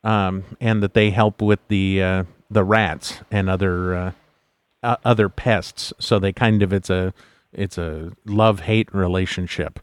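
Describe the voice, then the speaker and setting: A man with a fairly low voice hosts a podcast interview, chatting easily and stopping often to find his words. His voice is recorded close and dry, with no room sound around it. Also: clean tone, no echo. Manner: relaxed, halting, lots of fillers. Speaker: podcast host. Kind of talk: casual interview chat.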